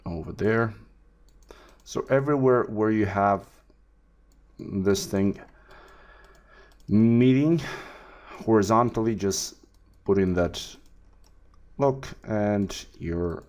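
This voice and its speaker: A man teaching a 3D texturing tutorial over a screen recording, talking in a relaxed way with many fillers and restarts. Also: lowish voice, takes it slowly, pauses often. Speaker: 3D art tutor.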